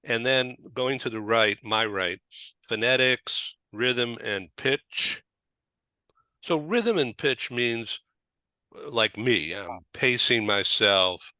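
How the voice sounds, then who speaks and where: A man's voice: medium pitch, animated, slow, sharp tone, no room sound. An American man hosting a talk show, chatting casually with many fillers and restarts. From United States. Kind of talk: casual interview chat.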